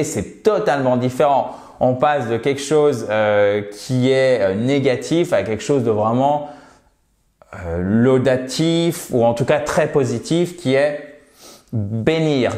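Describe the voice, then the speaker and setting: A man's voice: mid-range voice, darkish tone, echoey room. A man teaching English to French speakers, calling his viewers "chers amis" and modelling example sentences. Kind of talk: French-language English lesson.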